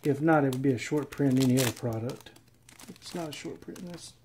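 A man casually narrating as he opens packs of trading cards, reading off names in a steady, relaxed list. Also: medium pitch, a little fast, noisy background. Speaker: card collector opening packs. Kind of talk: casual running commentary. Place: indoors at a table.

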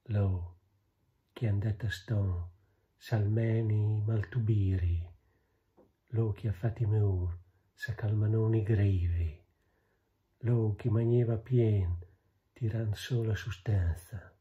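A man's voice: fairly low pitch, fairly even intonation, takes it slowly, pauses often, narrow, tinny audio. A man in his fifties with a Romagnol accent, reading poetry aloud in Italian dialect. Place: small plain room, indoors.

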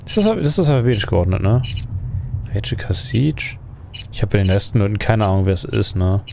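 A man's voice: lowish voice, lively intonation, a little fast, gravelly, a little hiss or hum. A man giving casual let's play commentary, thinking aloud and asking himself questions as he plays.

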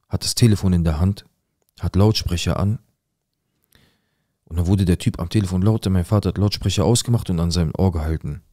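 A man's voice: low voice, darkish tone, no room sound, studio quality. A man recounting a painful episode from his past in an earnest, tense way, repeating words for emphasis. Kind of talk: emotional personal storytelling.

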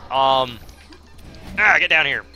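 A man chatting loosely through a video game playthrough, with a very bright, sharp-edged tone and lots of ums and uhs. Faint game music plays behind him. He pokes fun at his own skills as he goes. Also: medium pitch, expressive, slow pace. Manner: rambling, self-deprecating, many fillers. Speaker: let's play host. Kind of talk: casual gameplay commentary.

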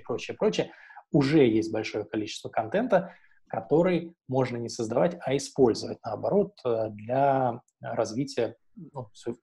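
Seated in a room at home or an office, a man in his thirties presents an informal webinar explaining a travel audio guide platform. His voice is medium-pitched, warm, and husky, heard over a wired earphone headset on a video call.

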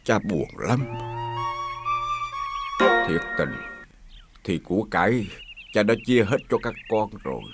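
A man's voice: lowish voice, very animated, slow, pauses often, exaggerated voice. An actor playing a sorrowful old father in a TV folk-tale drama, speaking. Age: older. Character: sad old father, worn out by failing sons. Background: music.

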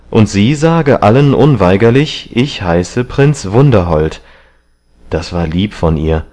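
A man's voice: low-pitched, mellow. A man reading an audiobook, voicing a vain, agitated young man who talks in a heated, raised voice.

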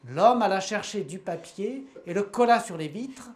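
A woman reading a short story aloud in measured, unhurried storytelling. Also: medium pitch, lively intonation, darkish tone. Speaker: reader.

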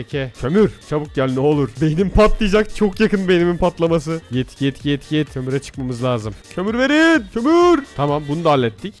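A man commentating his own Minecraft gameplay, excitable, muttering one moment and yelling the next. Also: fairly high pitch. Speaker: gaming YouTuber. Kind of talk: Minecraft let's play commentary.

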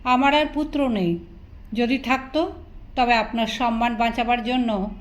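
A woman's voice: a little high, unhurried, lightly acted. A woman reading the part of a proud, angry old male landlord in a storybook narration, stern and indignant. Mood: humble.

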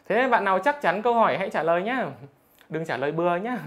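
A man's voice: high voice, lively intonation, fast talker, a bit bright. A male math teacher, reading out students' scores in a live online lesson in a teasing, jokey way. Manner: teasing, jokey, keeps asking "được chưa?".

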